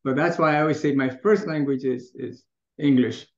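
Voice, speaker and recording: In a laid-back interview, a middle-aged man from Taiwan answers as a guest in a reflective way, frequently starting over and laughing freely. He has a mid-range voice and speaks at a normal speed. The audio is muffled and lo-fi, with noticeable room echo.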